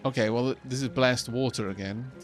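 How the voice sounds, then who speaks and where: Guy streaming a game, casual chatty commentary, normal pitched voice, bit of music behind. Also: fairly even intonation, normal speed.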